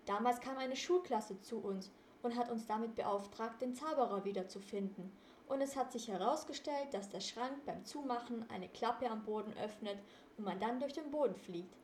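Woman reading as a calm, lecturing boy detective. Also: on the high side, moderate pace, slight background noise, close to an everyday voice. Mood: explaining. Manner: lecturing, composed. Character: clever calm teen boy detective leader. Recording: roomy echo.

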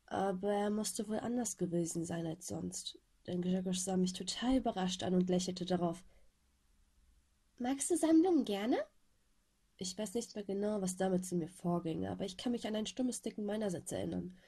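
A woman reading a first-person story aloud in a subdued, weary tone, her voice slightly husky from a cold. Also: a little fast, hardly any pauses, mellow. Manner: subdued, weary low-key telling. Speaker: audiobook reader. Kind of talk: first-person fanfiction narration.

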